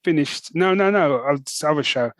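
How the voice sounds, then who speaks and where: Animated and fairly high-pitched, this man's slightly bright voice moves at normal speed with no echo. He co-hosts a podcast in a casual, enthusiastic chat, rambling and frequently restarting.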